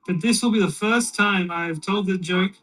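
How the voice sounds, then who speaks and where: A speaker alone in a room, telling a long shaggy-dog joke in a rambling, deadpan way with plenty of fillers. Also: medium pitch, moderate pace, distant mic, soft background music, rough recording. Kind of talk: shaggy-dog joke told while painting miniatures.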